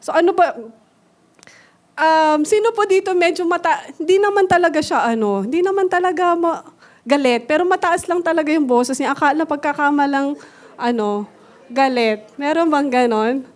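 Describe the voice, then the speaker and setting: A Filipino woman preaches a church sermon in a high, bright-toned voice. She speaks politely and gently, sliding back and forth between Tagalog and English and teaching through everyday examples. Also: moderate pace. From Philippines.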